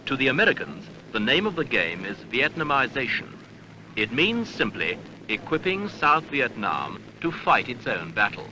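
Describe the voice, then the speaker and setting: On an archival seventies soundtrack, a man reads a scripted documentary newsreel narration in a measured, grave and rhetorical way. His mid-range voice has a sing-song quality, and there is background noise.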